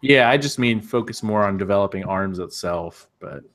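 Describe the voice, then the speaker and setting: Brief: man, relaxed gaming podcast co-host, lowish voice, blunt opinions. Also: moderate pace. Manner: laid-back, opinionated, chuckling. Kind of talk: casual gaming chat.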